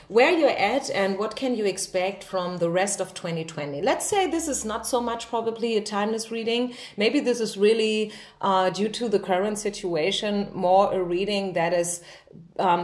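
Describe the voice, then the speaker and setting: A tarot reader with a medium-pitched voice speaks informally and directly to her viewers, sounding reassuring. She frequently slips in small check questions to make sure the listener is following.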